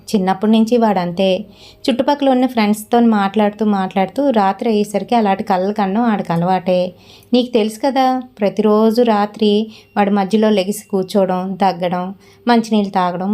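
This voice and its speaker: A woman's voice: medium pitch, dark tone, natural voice. A woman voicing a scheming older mother-in-law who talks in a coaxing, dismissive way.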